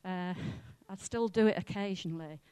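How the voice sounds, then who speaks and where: A woman from Wales with a Welsh accent, preaching a sermon in a chatty, self-mocking and lively way. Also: fairly low pitch, normal speed, smooth, dry recording.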